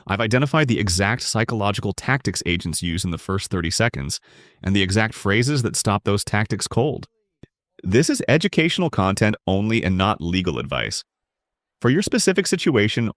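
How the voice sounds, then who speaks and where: A man giving scripted narration that explains legal rights in a measured, emphatic way. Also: lowish voice, dry recording, clean studio sound.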